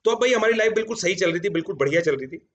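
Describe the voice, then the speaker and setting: A man's voice: high-pitched, animated, very fast. A man in his thirties, a coaching educator, telling a story from his student days to his students in a chatty Hindi-English mix, recorded in a home studio. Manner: chatty Hindi-English mix, frequent "theek hai" fillers. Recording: dull lo-fi sound.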